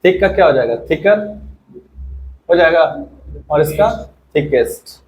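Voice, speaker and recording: A man's voice: a little high, lively intonation, unhurried, darkish tone, a little hiss or hum, poor audio. A male teacher giving a classroom grammar lesson, asking questions and having his students answer together. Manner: quizzing students, prompting them to answer together.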